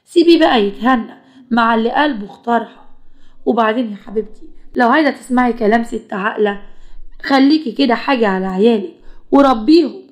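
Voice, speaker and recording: Woman playing a scolding older mother-in-law, condescending, quick talk, animated story. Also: fairly high pitch, natural voice.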